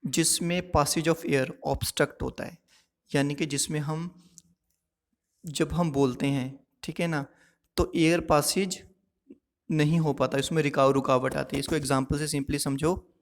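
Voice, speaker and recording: A male teacher with a fairly high voice, walking listeners through a lesson one step at a time. He keeps stopping to check that they are following. His voice rings with a long reverb, as in a hall. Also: fairly even intonation, a little slow. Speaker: English teacher. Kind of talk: classroom lesson explaining poetic devices.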